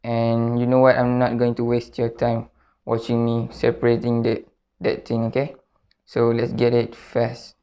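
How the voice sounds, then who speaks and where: A man presents a step-by-step card trick tutorial in a mid-range, dark-toned voice, delivered completely flat and a little slowly. He repeats himself and often checks in with short tag questions, and the recording sounds dull and lo-fi.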